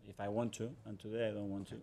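A man in his forties, a football manager answering questions at a press conference in a measured, guarded way. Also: lowish voice, little pitch movement, dark tone. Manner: measured, guarded, repeats phrases. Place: press conference room in front of a sponsor backdrop. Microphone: table microphone.

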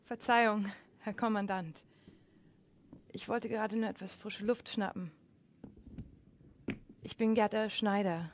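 A woman's voice: mid-range voice, steady tone, a little slow, pauses often, a little hiss or hum, natural voice. A woman playing a composed undercover spy. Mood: guarded. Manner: polite, composed, guarded. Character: undercover female spy posing as courier.

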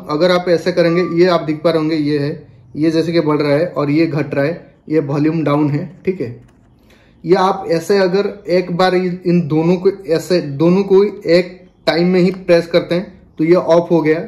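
This young man's voice is a little high and warm as he casually shows off a product by hand, repeating himself and using some English words. He is a review vlogger filming indoors in a small bedroom, and the sound has a roomy echo.

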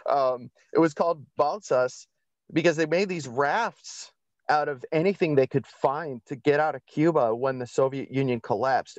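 Medium in pitch and a little mellow, the man's voice carries no echo as he recounts and explains things as a podcast guest. He's emphatic and conversational, regularly correcting himself, on slightly dull lo-fi audio.

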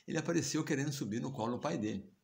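A devotional teacher with a Brazilian Portuguese accent retells a scripture story in a chatty way, chuckling and tossing in tag questions so listeners will agree. His mid-range voice races along, creaky and a bit dark in tone.

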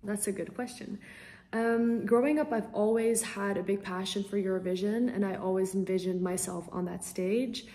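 A young Dutch singer-songwriter answers interview questions casually over a video call from a small room at home. She comes across as bubbly and eager, with frequent ums. Her mid-range voice is steady and mellow, at a moderate pace.

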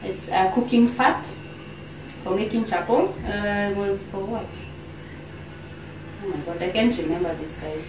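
Kenyan woman in her thirties, casual vlog chat full of fillers and pauses, filmed from across a roomy kitchen. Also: mid-range voice. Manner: chatty, unhurried, many fillers and pauses. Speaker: vlogger. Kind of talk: casual grocery haul vlog. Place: home kitchen, indoors. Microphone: camera on the counter, a few steps away. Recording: roomy kitchen, distant camera, background hiss.

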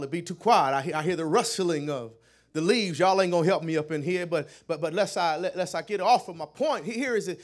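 A middle-aged man preaching a sermon as a pastor, repeating words and building to shouted peaks that call the congregation to respond. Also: sits high.

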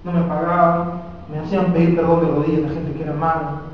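A young man in his late twenties with a Peruvian accent, preaching a sermon and telling emotional stories, often swelling loud on key phrases. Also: on the high side, little pitch movement, quick pace, a little hiss or hum. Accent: Peruvian Spanish. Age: late 20s. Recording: echoey hall recorded from far off, dull.

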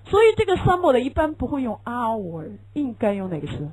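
A woman's voice: a little high, big pitch swings, a little fast, darkish tone, breathy edge, poor audio. A woman whose first language is Chinese teaches an English lesson, explaining patiently, asking rhetorical questions and repeating key phrases. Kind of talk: classroom lecture.

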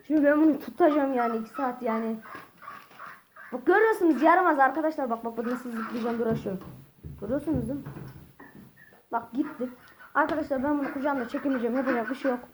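A woman's voice: on the high side, background noise. A woman vlogging casually while handling ducks, rambling, calling her viewers friends and correcting herself. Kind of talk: casual vlog talk to viewers.

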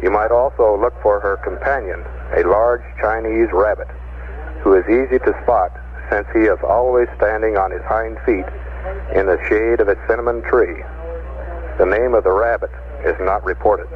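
A man's voice: lowish voice, moderate pace. A man at mission control reading news briefs to astronauts over a crackling space radio link, matter-of-fact and dotted with uh fillers. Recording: tinny, hissy archival radio transmission.

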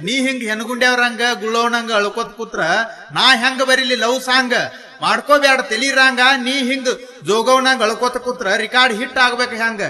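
A man fires off teasing questions in a comic skit. His voice sits very high and sounds sharp and piercingly bright. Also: flat delivery. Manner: teasing, rapid-fire questioning. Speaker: comic performer.

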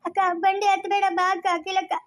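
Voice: very high voice, completely flat delivery, fairly quick, fairly bright tone. Someone playing an anxious young village girl. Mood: urgent. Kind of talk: family village drama.

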